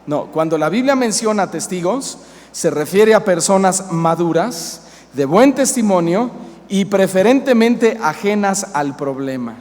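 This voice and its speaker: Un pastor mexicano de mediana edad predicando con énfasis y haciendo preguntas a la congregación. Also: male voice, sits high, darkish tone. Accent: Mexican Spanish. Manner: emphatic, asks the congregation questions. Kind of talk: sermon. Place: church hall. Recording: reverberant church hall, faint hiss.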